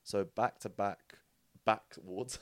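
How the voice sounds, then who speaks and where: A young man, a podcast guest telling rugby stories in a casual, animated way. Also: lowish voice, takes it slowly, no room sound. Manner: animated storyteller, acts out quotes with jokes and laughs. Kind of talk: casual storytelling chat.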